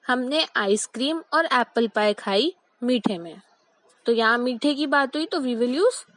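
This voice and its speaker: A young woman teaching English pronunciation in a mix of Hindi and English, repeating each word and reading example sentences slowly and deliberately. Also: sits high, dry recording, rough recording. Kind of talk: explanatory lesson mixing Hindi and English.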